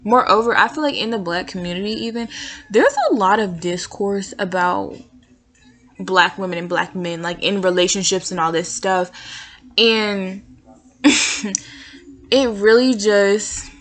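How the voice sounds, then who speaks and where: A woman's voice: mid-range voice, measured pace, long pauses. A young woman, a college student, talking casually and at length in a solo podcast from her dorm room at night, with plenty of fillers. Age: young adult. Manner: casual, chatty, filler-heavy.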